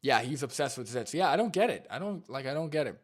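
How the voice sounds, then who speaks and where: A man's voice: medium pitch, lively intonation, fast. A young man streaming, reacting to a video and reading chat, rambling with lots of fillers and restarts.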